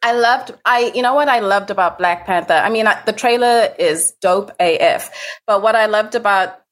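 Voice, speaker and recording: Woman guest, wry and chatty, pokes fun at herself, middle pitch. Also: moderate pace. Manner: wry, self-deprecating, chatty. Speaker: podcast guest. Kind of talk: casual chat.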